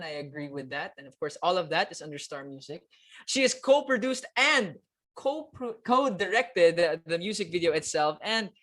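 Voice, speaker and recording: A man with a high, fairly bright voice hosts a live-streamed media announcement for a launch. He's upbeat and chatty, switching between English and Tagalog and using lots of fillers.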